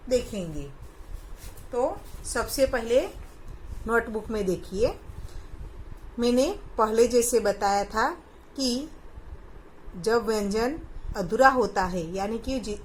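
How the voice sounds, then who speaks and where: A woman's voice: fairly high pitch, slight background noise. A woman from India teaching young children, patiently asking questions and repeating each answer. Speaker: primary school teacher. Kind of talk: recorded online class lesson.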